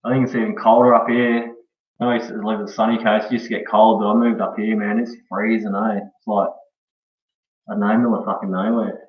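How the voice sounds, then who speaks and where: A laid-back Australian man chats to his live stream in loose, slangy speech. His voice is on the low side and stays fairly flat in pitch. It comes through echoey, as if he is sitting back from the mic. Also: fast talker. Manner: laid-back slangy talk, often ending on "eh" and "bro". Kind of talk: casual live stream chat. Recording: dull echoey room, far from mic.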